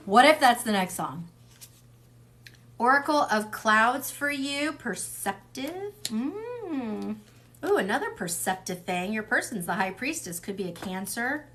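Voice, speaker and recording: A woman giving a casual, rambling tarot reading, full of fillers, asides and quick mimicked voices for the people she describes. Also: fairly high pitch, fairly bright tone, slight background noise. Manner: chatty, rambling, frequent fillers and laughs. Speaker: tarot reader.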